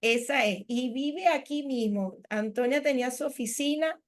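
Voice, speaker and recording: A woman's voice: high voice, moderate pace, darkish tone. A middle-aged woman from Panama, a spiritual teacher giving a workshop, sharing a candid personal testimony in a chatty, rambling way. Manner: candid, conversational storytelling with many "o sea" asides.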